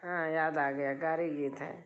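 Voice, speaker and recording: A woman's voice: sits low, steady tone, unhurried, dull audio, slight background noise. A middle-aged woman hosting a live stream from her drawing room, chatting casually with viewers and keeping her voice down. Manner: speaks softly, keeping her voice down. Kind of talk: casual live chat reading comments.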